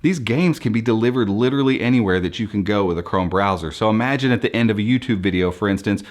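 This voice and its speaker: An American man with a lowish voice talks quickly as he presents for a tech channel. He explains things to viewers off the cuff, with enthusiasm and a conversational manner.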